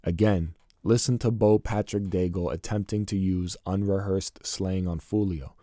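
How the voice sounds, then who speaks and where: Deep, dark-voiced man narrating commentary. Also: steady tone, dry recording, clean studio sound. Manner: indignant, deliberate commentary. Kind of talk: scripted narration.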